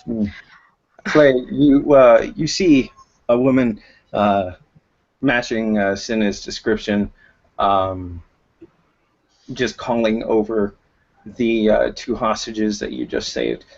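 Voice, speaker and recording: A man's voice: on the low side, slow pace, creaky, long pauses. A man narrating a tabletop game as game master, hesitant with many fillers, in a dull lo-fi recording.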